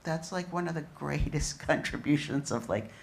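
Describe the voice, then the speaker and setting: A woman speaking as a panelist at a museum discussion, emphatic with drawn-out phrasing. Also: low-pitched, gravelly. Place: museum event room.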